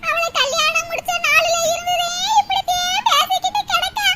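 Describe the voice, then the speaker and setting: A woman's voice: fairly even intonation, normal speed. A woman voicing an old village mother in a cartoon, lamenting and sobbing over her daughter. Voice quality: shrill, high cartoon voice with sobbing, lamenting delivery. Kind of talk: cartoon voice acting. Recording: loud background noise.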